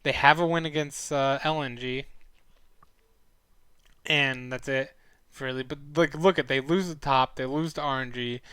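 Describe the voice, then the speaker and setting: Here the same kind of casual live-stream review comes from a young man who analyzes esports weekly, rambling with lots of fillers and corrections as his throat grows sore and his voice fades. Medium in pitch and steady, he talks a little slowly with frequent pauses, his tone sharp yet smooth, captured dry.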